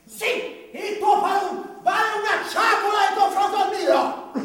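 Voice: very high voice, steady tone, unhurried, a bit bright. An actor playing Arlecchino, a gullible, hungry comic servant in a commedia dell'arte stage play, exclaiming clownishly. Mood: boastful. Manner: exclamatory, clownish, echoing others' words. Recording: echoey hall from far off, audience noise.

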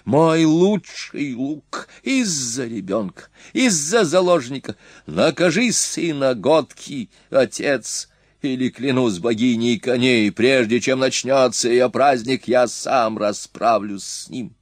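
A man voicing a hot-tempered, boastful young Hun prince in an audiobook, talking excitedly with a rising pitch. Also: unhurried, no echo, studio quality. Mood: furious. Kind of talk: audiobook character voice.

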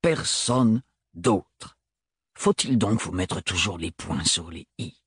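A severe, cold man, as a male narrator puts him on, speaks in a low, curt monotone with a husky edge. The reading is close and dry, as in an audiobook. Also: unhurried, no echo. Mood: stern.

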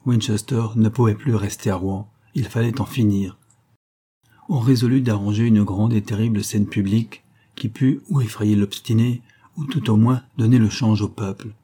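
A man narrating a history book as an audiobook, in a measured, even reading. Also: lowish voice, husky.

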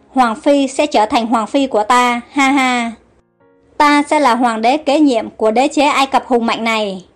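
A woman reads a storybook aloud in a high, light voice, voicing each character with only small shifts. A faint music bed plays quietly beneath her. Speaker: audiobook narrator.

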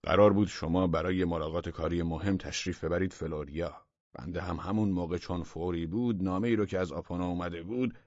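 A man voicing a fawning, flattering male deputy minister who talks in a raised, excited way. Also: sits low, dry recording, muffled recording. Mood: ingratiating.

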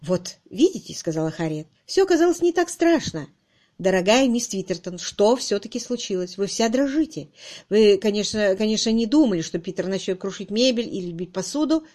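A woman voicing a composed young noblewoman who speaks gently and soothingly in an audiobook. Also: medium pitch, lively intonation, natural voice. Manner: brisk, then gentle and soothing. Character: composed young noblewoman, kind but startled.

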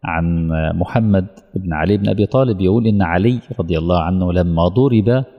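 A man's voice: low-pitched, a little fast, highs cut off. A man with an Egyptian Arabic accent delivering an emotional, pleading sermon as a preacher. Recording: long hall reverb.

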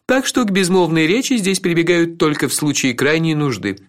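A sly, knowing male companion, as a male audiobook reader puts him on, full of advice and gentle mockery. His voice is raised above the reader's own and swoops lively up and down as he lectures, all in a storybook telling. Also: on the high side, fairly quick, pitched above the performer's own voice, close to an everyday voice. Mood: teasing. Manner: knowing, teasing, instructive.

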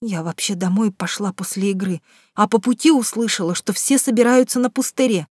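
A woman's voice: mid-range voice, brisk, a little mellow, husky, dry recording, studio quality, lightly acted. A woman voicing a teenage daughter who pleads tearfully and defiantly in a storybook reading. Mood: explaining.

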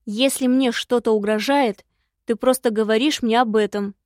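A woman voicing a spirited young heroine in an audiobook, brisk and insistent. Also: a little high, fairly even intonation, darkish tone, no echo, studio quality, close to an everyday voice. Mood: pressing.

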